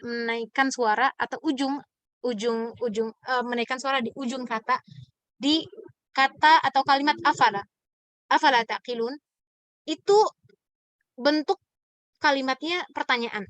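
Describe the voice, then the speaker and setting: A woman's voice: high voice, fairly bright tone, no room sound. A woman teaching Quran recitation in a question-and-answer class, explaining with examples and many fillers. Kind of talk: online class Q&A lesson.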